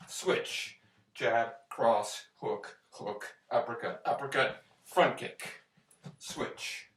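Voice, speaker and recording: A man's voice: mid-range voice, extremely slow, a bit bright. A man giving workout instruction like a boxing coach, calling out kickboxing combinations in short counts. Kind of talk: workout instruction, talking through moves. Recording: echoey room, distant microphone.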